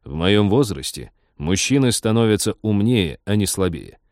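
A man doing a gruff, stern starship captain. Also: low-pitched, animated, normal speed, darkish tone, no room sound. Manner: gruff, dry, terse. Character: stern middle-aged male starship captain. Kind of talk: audiobook character voice.

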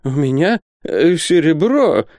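A man's voice: mid-range voice, big pitch swings, unhurried, a little mellow, clear, resonant tone, no echo, studio quality, pitched above the performer's own voice. A man voicing a stingy, frightened old trader who whines, stammers and pleads. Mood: pleading.

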